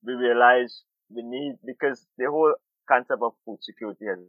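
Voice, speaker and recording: A middle-aged Guyanese urban farmer and food activist, interviewed about farming, talks a little fast in a medium-pitched voice. He's considered in his answers and often repeats words as he searches. There's no room sound, and the line is tinny like a telephone.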